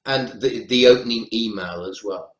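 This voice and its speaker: A lecturer with a North Welsh accent, joining an online webinar panel from an indoor room, walks through his approach to teaching. He speaks at normal speed in a lowish voice, with crowd noise present and a roomy echo on the webinar audio.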